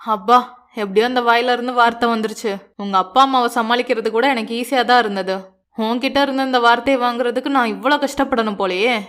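Woman reader doing a cocky, affectionate young man, quick and playful, a little lower than her own voice. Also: a bit bright, lightly acted. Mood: tender. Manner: teasing, affectionate, self-assured.

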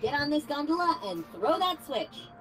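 A woman's voice: sits high, big pitch swings, normal speed, a bit bright, faint music behind. A woman voicing a chirpy, cheerful female robot tour guide in a game, who talks in upbeat surfer slang and calls the player "human". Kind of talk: game character dialogue.

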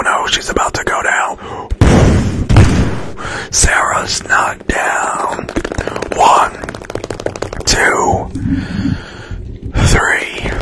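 Whispering man hosting an ASMR livestream. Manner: whispering, chatty, thanking viewers for gifts. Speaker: livestream host.

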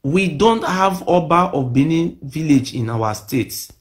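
Speaking into a nearby phone or webcam in a small room, a middle-aged Nigerian man with a Nigerian accent gives a heated self-made video monologue. His fairly high, expressive voice moves at a measured pace while he presses his claims again and again with emphasis.

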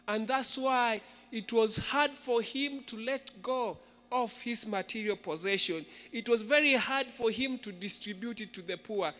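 High-pitched male preacher in a reverberant hall. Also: fairly bright tone. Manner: emphatic, repeating phrases for stress. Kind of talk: sermon. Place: indoor church stage at a lectern. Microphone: handheld microphone. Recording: long reverberant hall sound.

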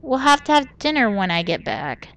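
A chatty traveler writing home, as a woman reads it out in a put-on voice. The accent is deliberately exaggerated and mocking. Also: on the high side, big pitch swings, a bit bright. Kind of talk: reading a letter aloud in a put-on voice.

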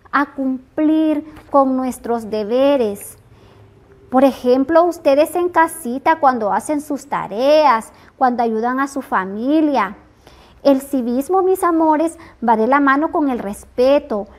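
A woman from Honduras teaches a preschool lesson on video. Her voice sits high and she speaks slowly, with a sing-song lilt. She sounds affectionate, as if talking to small children. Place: classroom, then outdoor garden.

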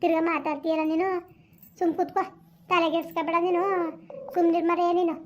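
Brief: shrill, rapid village woman in a skit, scolding, dull lo-fi recording. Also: level tone, a little hiss or hum. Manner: scolding, consoling, rapid-fire. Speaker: comedy sketch performer. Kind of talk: village comedy sketch. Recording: dull lo-fi sound.

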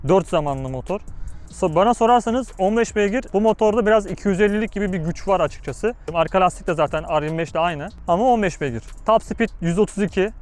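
A man's voice: high-pitched, quick pace. A man speaking from inside a motorcycle helmet, giving casual, slangy motovlog commentary with explanations and rhetorical questions. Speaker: motorcycle vlogger reviewing his bike.

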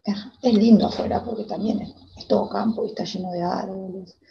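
Actress as young girl, Argentine accent, hesitant stage monologue; mellow, husky-gravelly, muffled lo-fi sound. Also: medium pitch, fairly even intonation, a little hiss or hum, close to an everyday voice. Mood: wistful. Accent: Argentine Spanish. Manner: hesitant, halting, many restarts. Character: timid young girl, eager to reassure. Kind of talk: theater monologue, reliving a memory.

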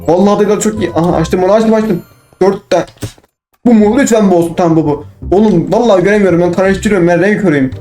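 A young man commenting on his own gameplay, excitable, talking to himself and bursting into shouts. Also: sits high, quick pace, soft background music. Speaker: gaming channel host.

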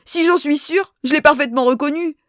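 A woman doing a shrill, frantic lady passenger. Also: fairly quick, no room sound, clean studio sound, natural voice. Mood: agitated. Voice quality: high, shrill and emphatic. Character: adult woman, shrill, excited, insistent train passenger.

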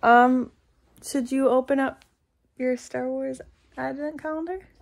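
A woman's voice: sits high, steady tone, unhurried, creaky. A woman vlogging at home in casual, rambling chat with lots of fillers, recorded on a handheld camera. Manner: chatty and rambling, with many fillers. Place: indoors at home.

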